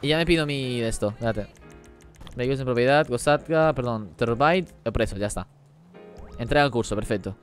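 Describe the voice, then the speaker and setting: A man streaming a game live, talking rapidly as he reads and answers the chat. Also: medium pitch, soft background music. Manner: rapid-fire talk while reading chat. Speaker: gaming streamer.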